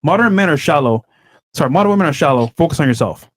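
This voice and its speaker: A man's voice: fairly high pitch, animated, quick pace. A man hosting a podcast panel, reading chat messages aloud and teasing the guests. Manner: loud, teasing, laughs often. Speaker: podcast host.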